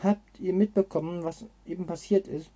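A man's voice: high voice, fairly even intonation, moderate pace, mellow. A man reading a storybook aloud and voicing a clever, confident teenage boy detective in a plain reading voice.

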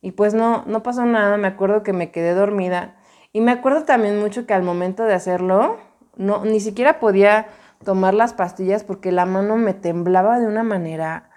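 A woman's voice: medium pitch, fairly quick, darkish tone. A young woman with a Mexican accent telling a personal story in a casual, slangy, emphatic way, often repeating herself. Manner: slangy, emphatic, many repetitions.

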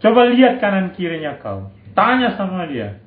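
High-voiced man preaching in an echoey hall. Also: huge pitch swings, normal speed. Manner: exhorting, rhetorical questions, frequent "amin". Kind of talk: sermon. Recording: echoey room, tinny phone-like sound.

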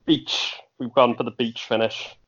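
A Welsh man in a relaxed podcast chat, joking in a dry, easygoing way. His voice sits at an everyday middle pitch. The recording sounds dull and lo-fi, made at home. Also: a little slow. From Wales. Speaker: podcast co-host. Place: bedroom at home.

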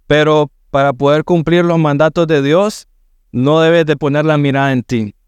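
Middle-aged male pastor, sermon, smooth resonant voice, dry close sound, earnest and emphatic. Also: fairly high pitch, steady tone, moderate pace, no echo, highs cut off. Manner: earnest, rising to emphatic preaching.

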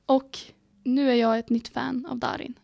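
A teenage girl co-hosting a podcast in casual chat, telling stories excitedly and acting out her own reactions. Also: a little high, gravelly, muffled recording, over loud music. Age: teens. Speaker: podcast co-host.

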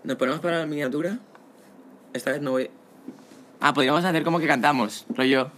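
A man with an accent from Spain, co-hosting a casual podcast chat with autotune on his voice and quick, jokey banter. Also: on the high side, a bit bright, slight background noise. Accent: Spanish from Spain. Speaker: podcast co-host, music artist.

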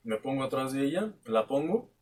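A young man with a Mexican accent telling a long, animated anecdote in casual chat, swearing freely and acting out both sides of the dialogue. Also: mid-range voice, moderate pace, recorded from a distance. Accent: Mexican Spanish. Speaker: podcast co-host. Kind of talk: casual storytelling.

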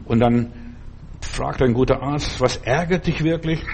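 A man's voice: medium pitch, a little slow, a little mellow, slight background noise. A middle-aged man preaching a sermon, earnest and full of rhetorical questions.

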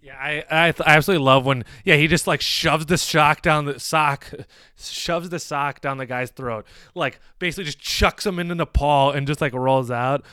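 Young male podcast co-host, casual reviewer, smooth resonant voice, loose rambling delivery, dry close sound. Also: on the high side, normal speed, dry recording. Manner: rambling, filler-heavy, animated when retelling jokes. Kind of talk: casual movie review chat.

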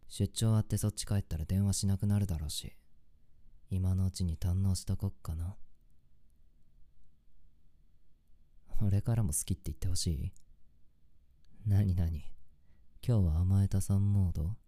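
A man playing an affectionate, teasing young boyfriend on an intimate late-night call, murmuring softly as if sleepy. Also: deep voice, steady tone, moderate pace, close to an everyday voice. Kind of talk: intimate boyfriend role-play audio.

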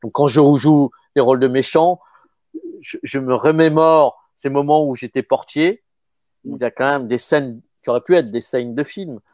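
A man in his fifties, an actor talking casually in an interview, often halting and repeating words. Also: mid-range voice, a little mellow, no room sound, studio quality. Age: 50s. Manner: halting, stammering repetitions. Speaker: actor guest.

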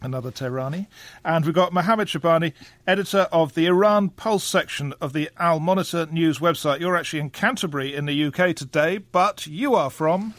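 A man's voice: fairly high pitch, fairly quick, a bit bright, no echo. A man hosting a panel discussion, asking questions in a wry, conversational manner. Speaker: radio panel host.

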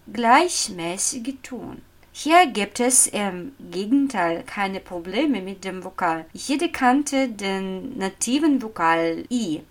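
A woman teaching a language lesson, modelling tones in a slow, sing-song way. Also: mid-range voice.

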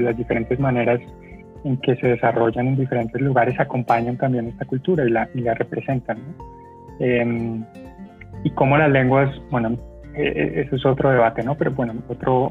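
Halting man on a tinny line. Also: medium pitch. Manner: halting, many fillers and restarts. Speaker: panel moderator. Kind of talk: hesitant conversational moderating.

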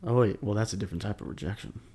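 A man's voice: on the low side, rapid-fire, darkish tone, slightly rough. A man co-hosting a casual chat, stammering through many filler sounds and swearing freely. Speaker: podcast co-host.

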